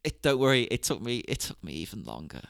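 A man chatting on a podcast, animated and quick to laugh. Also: fairly low pitch, gravelly, dry recording, studio quality. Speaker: podcast panelist. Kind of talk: casual chat.

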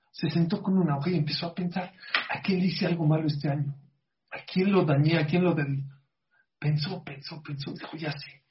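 A middle-aged man delivers a storytelling sermon, earnest and fond of asking his listeners direct questions. His voice sits a little high for a man. The recording sounds slightly muffled and lo-fi. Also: slight background noise. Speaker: religious speaker on a show.

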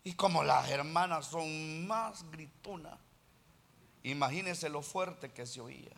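A male preacher delivers an impassioned sermon, pressing his points home. His voice sits high and carries a bright, forceful edge. He calls out to his listeners as brother and climbs into loud, urgent passages. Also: slow, vocal fry. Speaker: pastor.

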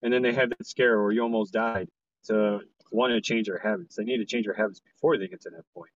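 A man's voice: lowish voice, fairly even intonation, fast, dry recording. A man talking casually in a podcast chat, rambling and plain-spoken with casual swearing, over a dull voice call. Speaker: podcast co-host.

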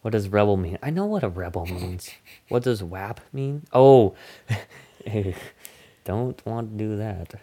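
A man's voice: fairly low pitch, lively intonation, takes it slowly, dark tone. A man hosting a casual movie review podcast, recapping the plot in a goofy, rambling way. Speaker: podcast host.

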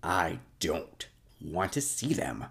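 An actor playing a proud, bitter, injured frontier man who talks gruffly and defiantly in a TV drama. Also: deep voice, sing-song, takes it slowly, fairly bright tone, exaggerated voice.

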